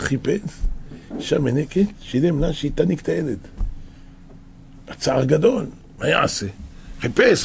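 A man preaching a sermon, telling a parable with animated, repetitive emphasis. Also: on the high side, vocal fry, a little hiss or hum.

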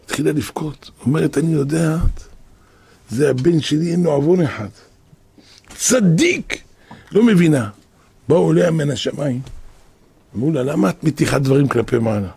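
A man's voice: fairly high pitch, gravelly, mellow, breathy edge, dry recording. A man, a rabbi, telling stories in a sermon, repeating phrases for emphasis and acting out what people said. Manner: repeats phrases for emphasis, acts out quoted speech. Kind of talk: storytelling sermon.

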